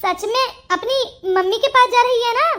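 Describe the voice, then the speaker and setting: A woman's voice: very high voice, moderate pace, sharp tone. A woman voicing a suspicious middle-aged mother-in-law in a Hindi cartoon story, probing and reproachful.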